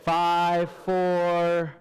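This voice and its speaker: A man hosting a church trivia night, reading questions slowly, counting down and laughing at himself. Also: high-pitched, monotone. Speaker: trivia host. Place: church hall. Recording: large hall with long reverb.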